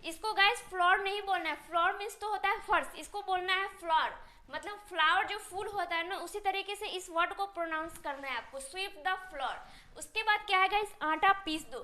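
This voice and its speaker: Teaching spoken English through Hindi, this woman speaks at an extremely high pitch with a bright, forceful tone. She poses questions to the class only to answer them herself, and she slows to spell out every English phrase.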